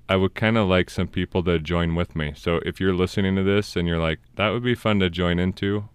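Deep-voiced man hosting a podcast. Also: clean tone, dry recording. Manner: earnest storytelling. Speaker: podcast host. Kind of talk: casual podcast chat.

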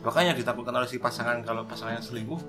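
A man hosting a casual group chat, joking and firing quick questions at his friends. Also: mid-range voice, steady tone. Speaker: podcast host. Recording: music playing behind.

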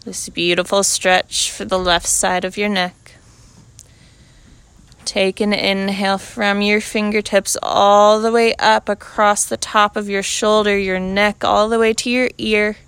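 Female yoga instructor, very clear smooth tone, even and calm delivery, unhurried short cues. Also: mid-range voice, no echo. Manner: calm, unhurried cueing in short measured phrases. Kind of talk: guided yoga class instruction.

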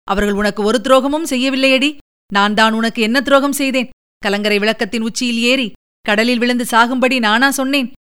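A woman's voice: on the high side, fairly bright tone, smooth, natural voice. A woman voicing an aging king who is haunted by a ghost, pleading in anguish, within a narrated audiobook.

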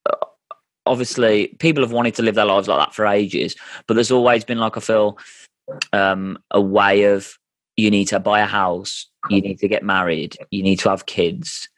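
A man's voice: on the low side, fairly even intonation, moderate pace, fairly bright tone, no echo, clean studio sound. A man in his thirties hosting a casual family chat, earnest and often restarting his sentences. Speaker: podcast host.

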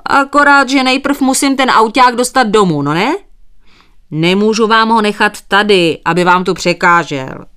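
Stubborn, evasive old farmer man, as a woman puts him on in an audiobook, a bit high and loud. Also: lively intonation, clear, resonant tone, close to an everyday voice. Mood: sly. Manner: politely evasive, keeps thanking. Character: stubborn old male sheep farmer, polite.

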